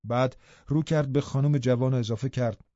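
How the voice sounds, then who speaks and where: A man reading an audiobook novel in a measured storytelling manner. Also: medium pitch, fairly even intonation, warm tone, no room sound. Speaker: audiobook narrator. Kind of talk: scripted narration. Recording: dull, dry audiobook recording.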